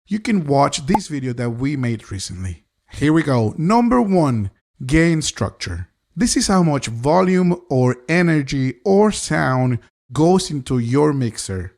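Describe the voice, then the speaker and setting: In a scripted tutorial on live sound mixing, a male engineer keeps things upbeat and addresses the viewer directly. His voice is fairly high and shows vocal fry.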